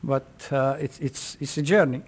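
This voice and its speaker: A man from Iraq, an imam, answering radio interview questions in a measured, hesitant way with many pauses and fillers, at a table mic. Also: medium pitch, husky. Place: mosque event room, live broadcast table. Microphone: table mic with headphones.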